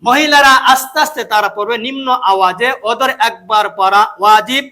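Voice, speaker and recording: A man's voice: high voice, bright, forceful tone. A Bangladeshi man with a Bengali accent preaching a sermon, emphatic and repeating key phrases. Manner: emphatic, repeats phrases, chants takbir slowly.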